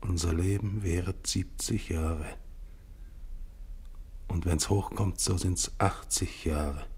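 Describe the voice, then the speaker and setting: A man's voice: sits low, steady tone, takes it slowly, darkish tone, husky, full character voice. An actor playing a grim, exhausted male polar expedition captain, narrating in a solemn, psalm-like recital for a 1950s radio play. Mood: somber.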